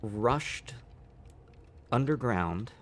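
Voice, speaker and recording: A man narrating a live tabletop game as dungeon master, unhurried and halting, with many fillers. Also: medium pitch, animated, a little hiss or hum.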